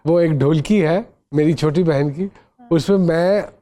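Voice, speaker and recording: A man's voice: a little high, measured pace, dark tone. A male talk-show host interviewing his guest, eager and admiring, with lots of exclamations and bits of English mixed in.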